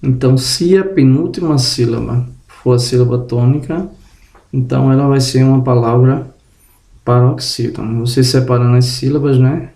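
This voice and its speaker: A man giving a spoken grammar lesson, slowly drawing out example words and checking in with the viewer, slightly groggy and tripping over words. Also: medium pitch, fairly even intonation, gravelly, mellow, echoey room. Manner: tag questions to the viewer. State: just woke up, tongue tripping. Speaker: teacher.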